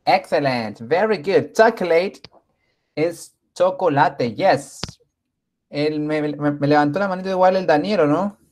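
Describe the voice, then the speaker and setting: Slow, patient male teacher. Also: fairly high pitch, a little mellow. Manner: slow, patient, praising often. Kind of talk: online class for young children.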